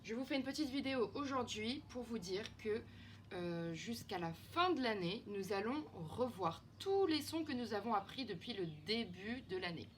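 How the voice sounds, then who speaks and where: A woman teacher giving a slow, clear, encouraging video lesson to young children. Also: fairly high pitch, animated, a little hiss or hum. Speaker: kindergarten teacher. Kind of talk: home-schooling video lesson.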